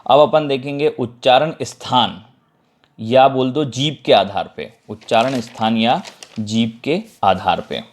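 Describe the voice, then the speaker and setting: A male teacher with a Madhya Pradesh Hindi accent gives a grammar lesson. His voice sits at a middle pitch, neither high nor low. He explains each point step by step, repeats the terms, and keeps checking that the class is following. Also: unhurried.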